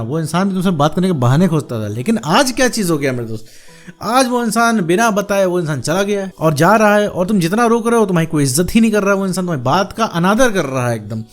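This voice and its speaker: Fast, high-voiced man giving advice. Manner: addresses viewer as "my friend", earnest and coaxing. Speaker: relationship advice youtuber. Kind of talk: direct-to-camera advice talk.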